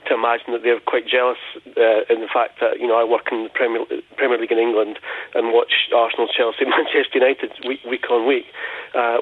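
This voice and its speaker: A man's voice: medium pitch, husky. A man from Scotland, a football journalist, speaking as a guest on a radio show in a chatty, rambling way. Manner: chatty, rambling, many fillers. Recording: tinny phone line.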